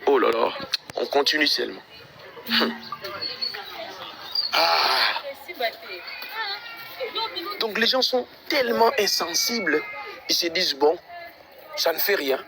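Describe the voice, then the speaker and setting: A man's voice: on the high side, sing-song, takes it slowly, creaky, pauses often, a crowd in the background. A man out of breath, walking residential streets outdoors and talking to his livestream viewers in an exasperated, repetitive way. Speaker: livestream vlogger.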